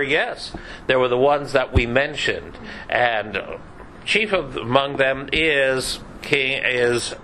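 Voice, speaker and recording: A man's voice: medium pitch, fairly bright tone, slight background noise, rough recording. A man giving a conversational Bible class lecture, chatty and sprinkled with dry joking asides. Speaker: Bible teacher.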